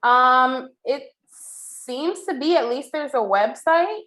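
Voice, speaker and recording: Woman podcast cohost, kinda high voice, thoughtful, says like a lot. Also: expressive, slow pace, a bit bright. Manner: thoughtful, with frequent "like" fillers. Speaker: podcast co-host presenting the news segment. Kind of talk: casual chat.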